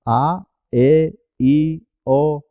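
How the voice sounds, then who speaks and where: A man's voice: on the high side, fairly even intonation, drawn-out words, no room sound, dull audio. A man teaching a Spanish pronunciation lesson, carefully enunciating each sound and model word. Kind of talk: slow, clear pronunciation lesson.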